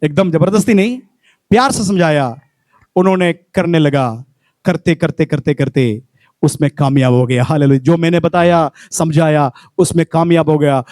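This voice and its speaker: A pastor in his fifties from Kerala, preaching a sermon with animated storytelling that builds into fervent exhortation. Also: a little high, moderate pace, dry recording. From Kerala, India.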